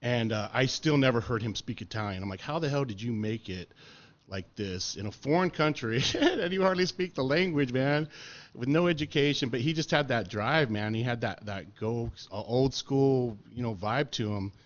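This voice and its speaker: A man's voice: mid-range voice, animated, normal speed, muffled recording. A middle-aged man telling stories in a casual podcast chat, laid-back and profane, with lots of fillers. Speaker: podcast interviewee.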